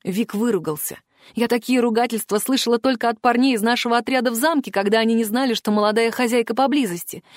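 Woman, audiobook narrator, first-person fantasy, expressive, slightly high voice, dry sound. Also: fast talker, no room sound.

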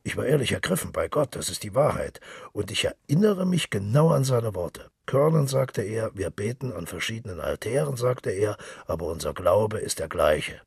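A man's voice: on the low side, big pitch swings, moderate pace, creaky, few pauses, husky, no echo, clean studio sound, voice pushed up, heavily acted. A man voicing a touchy bedridden middle-aged invalid who recalls things eagerly.

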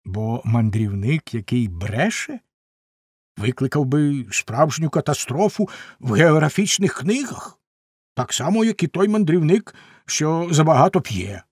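A man's voice: on the high side, big pitch swings, a little mellow, breathy edge, dry recording, clean studio sound, full character voice. A man playing a pompous old geographer. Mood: explaining. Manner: lecturing, emphatic and slow. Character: pompous old male geographer, self-important scholar.

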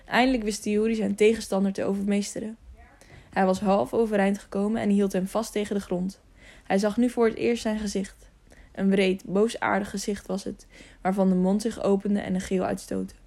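A woman's voice: medium pitch, little pitch movement, normal speed, creaky, warm tone. A woman narrating an adventure novel as an audiobook, reading steadily and now and then correcting herself.

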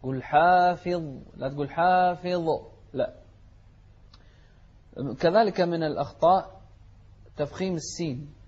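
A man teaching tajweed, reciting verses slowly and melodically, then explaining corrections briskly. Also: on the high side, dark tone, breathy edge, muffled recording.

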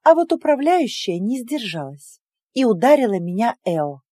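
A woman narrating a first-person audiobook in an expressive, emotional storytelling manner. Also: on the high side, moderate pace, husky, dry recording, clean studio sound.

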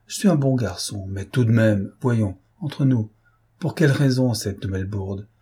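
A man's voice: fairly low pitch, moderate pace, warm tone, breathy edge. A man reading the part of a smug, pompous examining magistrate in an audiobook, condescending and sure of himself.

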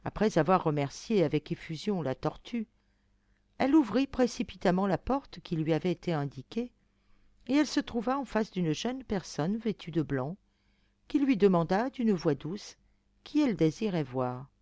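A woman reading a classic fairy tale aloud as an audiobook narrator, clearly and expressively. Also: fairly low pitch, sing-song, moderate pace, mellow, dry recording. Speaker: audiobook reader. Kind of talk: storybook narration.

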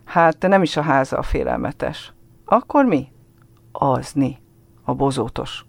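A man with a gravelly, mid-range voice reads a story aloud with no echo, taking on the part of a shy, tearful little village boy. The boy speaks earnestly and eagerly, in a childlike manner with a touch of dialect.

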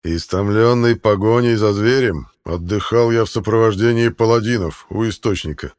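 A man voicing a proud king who holds back his anger, speaking slowly and solemnly. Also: lowish voice, darkish tone, smooth, natural voice. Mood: grave, restrained fury. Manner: slow, solemn and measured. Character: angry old king hiding his fury.

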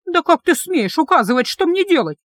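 A fiery, defiant young woman yells at her captor in a high, strained voice, as a woman reading the story puts her on. Her pitch leaps about with indignation. The sound is close and dry. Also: expressive, a little fast, dry recording, lightly acted. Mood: furious. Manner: shrill and indignant, shouting threats. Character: hot-tempered young woman, defiant captive.

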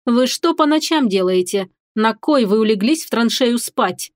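A woman voicing a cruel, sneering female drill instructor in an audiobook, spitting out insults slowly and with contempt. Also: fairly high pitch, animated, no room sound, studio quality, close to an everyday voice. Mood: contemptuous. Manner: slow, spat-out insults, contemptuous. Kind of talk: audiobook character voice.

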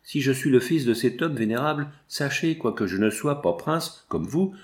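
A man's voice: mid-range voice, lively intonation, normal speed, lightly acted. A man reading as a defiant young hero. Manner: defiant, earnest. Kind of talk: audiobook character reading.

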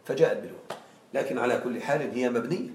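A man's voice: medium pitch, racing, slight background noise. Man teaching in an echoey room. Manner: quizzing students with frequent check questions. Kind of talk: classroom grammar lesson. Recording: echoey room, far from mic.

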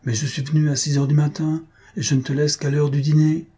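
A man voicing a breezy young husband who talks briskly and teasingly, always in a hurry. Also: a little high, level tone, warm tone, slightly rough, pitched above the performer's own voice.

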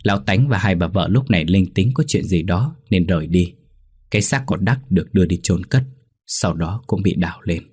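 A man narrating a ghost story in a steady, measured way. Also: low-pitched, breathy edge.

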